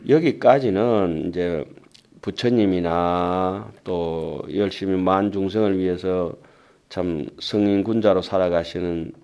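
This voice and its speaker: Casting: middle-aged monk with a Gyeongsang accent, lowish voice, slow sutra reading broken by fast chatty asides. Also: male voice, a little mellow, smooth, dull audio. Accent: Gyeongsang dialect. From Gyeongsang region of Korea. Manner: slow deliberate reading of the text, then quick chatty asides to the audience. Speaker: Buddhist monk lecturer. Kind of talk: sutra lecture to lay Buddhists. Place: temple lecture hall with an audience.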